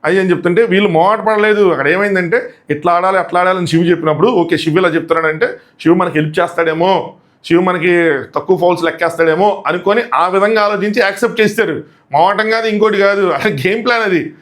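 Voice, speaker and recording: A man's voice: high voice, fast, a bit bright. A man giving a critical, emphatic review of a reality show episode, arguing his points. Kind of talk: fast opinionated episode review.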